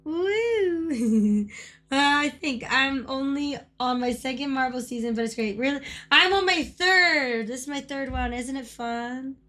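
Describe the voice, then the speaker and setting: A woman with a hoarse voice, chatting casually and excitably on a game stream, repeating phrases as she goes. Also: sits high, moderate pace. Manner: swears casually. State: hoarse from coughing. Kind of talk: casual live-stream chat.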